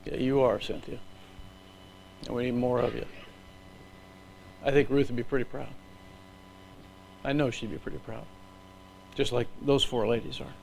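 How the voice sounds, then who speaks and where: A middle-aged man, an Air Force leader, gives an earnest, emotional speech from slides with measured pauses. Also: medium pitch, level tone, creaky, a little mellow, a little hiss or hum, low-quality recording.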